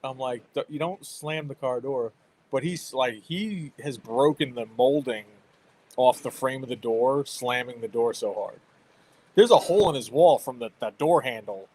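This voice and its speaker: A man in his thirties hosting a casual chat, telling parenting stories in an animated way. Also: mid-range voice, moderate pace, a little hiss or hum. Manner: animated storytelling with laughs. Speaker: host.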